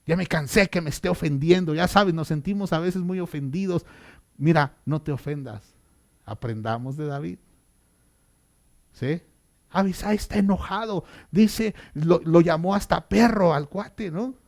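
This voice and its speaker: Male pastor, dramatic sermon delivery, unhurried, gravelly fry. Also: a little high. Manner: dramatic, swinging between loud and hushed.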